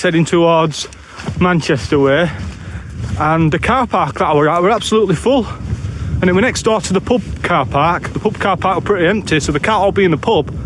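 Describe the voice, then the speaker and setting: A man with a Bradford, West Yorkshire accent, chatting casually and bluntly in northern dialect for a solo camping vlog. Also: sits high. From Bradford, West Yorkshire, England. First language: English. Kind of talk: casual walking vlog chat. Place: outdoors on open moorland, walking. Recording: outdoor background noise while walking.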